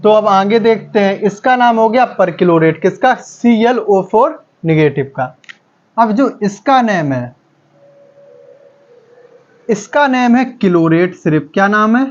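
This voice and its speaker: A man's voice: high-pitched, lively intonation, a little slow, dull audio. A male chemistry teacher lecturing, asking the class a question and repeating each answer back.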